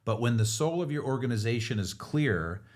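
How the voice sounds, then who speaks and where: A middle-aged man co-hosting a podcast, explaining ideas in a relaxed teacher's manner. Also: mid-range voice, moderate pace. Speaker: business author and podcast co-host. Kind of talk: casual podcast talk.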